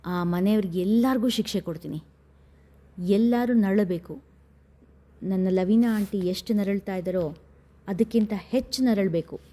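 A woman's voice: medium pitch, normal speed, pauses often, warm tone, lightly acted. A woman voicing a scheming, menacing older brother who speaks in a heavy, brooding way. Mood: vengeful.

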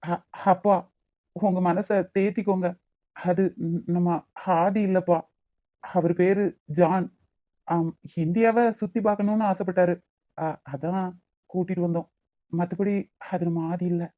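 A woman voicing a caring young man, the elder brother, in a cartoon, with a Kanyakumari Tamil accent and a gentle, consoling manner. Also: lowish voice, steady tone, a little slow, pauses often, no room sound, close to an everyday voice. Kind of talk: cartoon voice acting.

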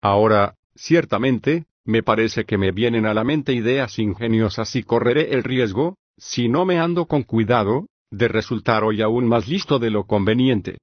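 A probing, ironic ancient philosopher, read by a man in a level, unhurried audiobook voice. The delivery stays flat and even across his arguments. The audio is dry and slightly dull. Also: mid-range voice, no room sound, natural voice. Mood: explaining.

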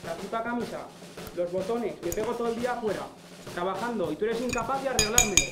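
A man's voice: high voice, fast talker, roomy sound, loud music behind the voice, close to an everyday voice. An actor playing an abusive, controlling husband who berates and mocks his wife. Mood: coaxing. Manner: berating, mocking, swearing. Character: abusive controlling husband, middle-aged man, cruel.

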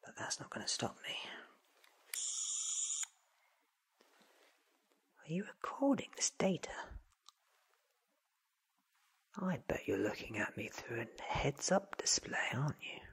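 A man's voice: medium pitch, very animated, a little fast, gravelly, a bit bright, breathy edge, full character voice. A man in his thirties playing an eccentric, curious, ancient alien time traveller, theatrical and wordy, in a close-miked ASMR roleplay. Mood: admiring, mischievous. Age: 30s. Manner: theatrical, wordy, self-assured. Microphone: close sensitive microphone.

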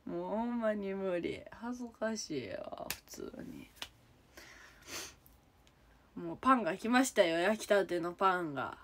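Her voice is mid-range and a bit bright, with lively intonation, an unhurried pace, frequent pauses, and slight background noise. Streaming from her room, this young Kansai-accented idol reads comments aloud, replies to viewers in turn, and giggles a lot.

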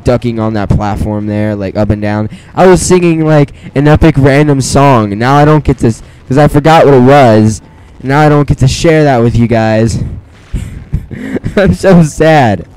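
A teenage boy with a medium-pitched, dark voice that still rings clear and resonant does casual let's play commentary. He rambles, jokes at his own expense, and keeps restarting and using fillers, while the weak close mic gives poor audio.

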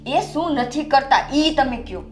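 An actress playing a frustrated young daughter-in-law who complains with an indignant edge. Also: female voice, sits high, animated, measured pace, darkish tone, soft background music. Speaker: young wife in family drama. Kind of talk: Gujarati family drama acting. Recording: echoey room.

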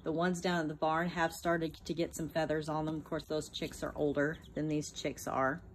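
A low-voiced woman films on her phone and chats casually about her farm animals, plainspoken and full of ums and restarts. Faint peeping and farm sounds sit softly behind her voice. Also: little pitch movement, normal speed, a little hiss or hum. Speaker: small farm vlogger. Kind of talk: casual off-camera narration while filming.

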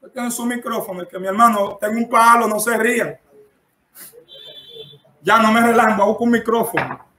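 A Dominican-accented man preaches and instructs in an emphatic style, sprinkling his talk with amens. His voice sits high and bright, with a forceful edge. The sound carries the echo of a roomy church. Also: moderate pace, long pauses. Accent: Dominican Spanish. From Dominican Republic. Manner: emphatic, punctuates phrases with frequent amens. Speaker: preacher teaching church etiquette. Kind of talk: instructive preaching to a live-streamed audience. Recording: echoey room.

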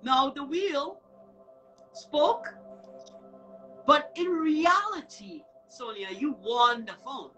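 Speaking slowly with frequent pauses, a woman with a high, bright, forceful, and expressive voice hosts a casual live online show. She is effusive and encouraging, often repeating herself. The recording is low quality, and music plays in the background.

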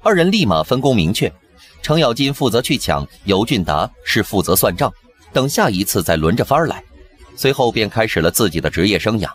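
A man narrating a TV drama recap in brisk scripted storytelling. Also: fairly low pitch, big pitch swings. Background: background music.

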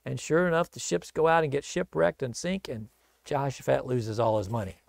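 A man's voice: medium pitch, a little fast, vocal fry, no room sound. A man from the United States teaching a casual Bible study sermon in a church, telling the story folksily and acting out the voices in it.

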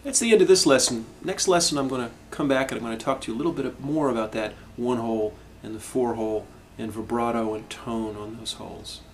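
A middle-aged man teaching a harmonica lesson, explaining in a calm, reflective way with frequent restarts. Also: mid-range voice, fast talker, few pauses, slight background noise. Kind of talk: instructional video lesson.

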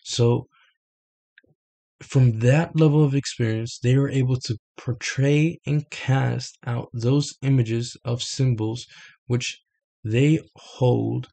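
In a small bedroom lit red, a self-made explainer in his twenties walks through a picture over a screen share at his desk webcam. His mid-range voice is creaky and mellow, and he speaks hesitantly, full of fillers and restarts.

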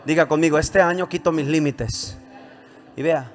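A man's voice: a little high, normal speed, faint music behind. A male pastor preaching a sermon, throwing rising questions to the congregation and calling for amens. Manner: preaching with call-and-response, rising emphatic questions.

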